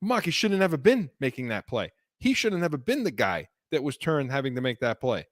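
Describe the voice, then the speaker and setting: A man's voice: medium pitch, very animated, brisk, no echo, studio quality. A man co-hosting a sports podcast, talking heatedly about football and breaking off and restarting his sentences, his voice worn from illness. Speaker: podcast co-host.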